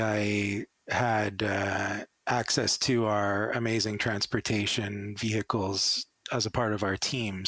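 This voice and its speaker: A man's voice: on the low side, fairly bright tone, no echo. A man with a Canadian accent, a former Paralympic athlete, answering interview questions with enthusiastic stories. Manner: enthusiastic storytelling.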